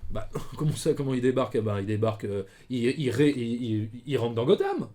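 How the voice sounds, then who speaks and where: A man bickering through a comedy sketch, defensive and exasperated as he argues his case. His voice sits in an ordinary middle pitch. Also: sing-song, fairly quick, mellow, a little hiss or hum. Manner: defensive, exasperated, bursts into laughter. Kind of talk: improvised comedy sketch banter.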